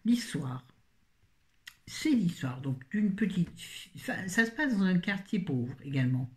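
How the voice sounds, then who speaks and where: A middle-aged French woman reviews her latest reads in a loose, casual chat, her lowish, darkish voice moving at normal speed with lively intonation. She rambles, restarts sentences to correct herself, and drops in little jokes along the way.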